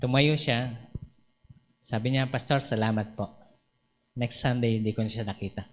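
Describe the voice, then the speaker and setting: A man's voice: mid-range voice, steady tone, normal speed. A man preaching a sermon in a church, retelling conversations and acting out both sides. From Philippines. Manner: preaching, acts out dialogue in retold conversations. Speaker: pastor. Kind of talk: Taglish sermon with storytelling. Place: church sanctuary. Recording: church hall with long reverb.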